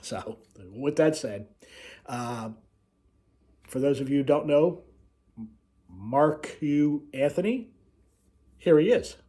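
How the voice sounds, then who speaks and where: A man hosting a casual, unscripted video, telling his story in a rambling way with frequent pauses. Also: on the high side, lively intonation, warm tone. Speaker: video host, cruise vlogger.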